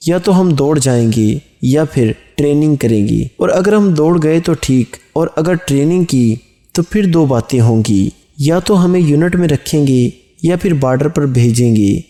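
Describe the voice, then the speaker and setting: A man's voice: on the high side, lively intonation, dark tone. A man voicing an anxious young village man who reasons through every outcome in a long chain. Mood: fretting.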